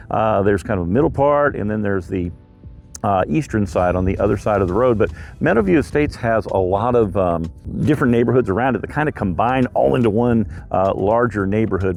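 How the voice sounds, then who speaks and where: A man giving a casual real estate tour, walking viewers through homes and neighborhood streets. He talks in a chatty, rambling way, with plenty of fillers. His voice sits on the low side with a gravelly texture. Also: a little mellow.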